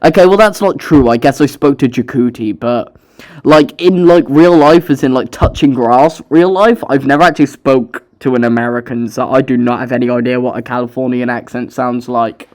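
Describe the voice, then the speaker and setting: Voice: medium pitch, moderate pace, a little mellow. A young author narrating their own story, breaking off for casual, self-mocking, sweary commentary.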